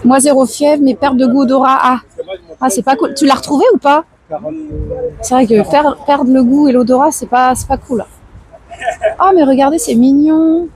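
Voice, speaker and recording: A woman with a hoarse, tired voice, chatting casually and answering viewers on an outdoor livestream. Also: high-pitched, fairly even intonation, normal speed, pauses often, darkish tone, low-quality recording. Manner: chatty, slangy, reads out and answers chat. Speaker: live streamer chatting with viewers. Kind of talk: casual chat, IRL livestream. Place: outdoors, walking through town streets.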